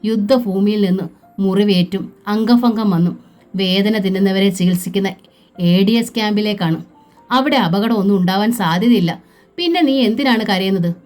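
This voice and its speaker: A woman's voice: medium pitch, moderate pace, a little mellow, faint music behind, lightly acted. A woman narrator voicing a stern older father who scolds his daughter in a read-aloud novel, with firm scolding phrasing. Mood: reassuring.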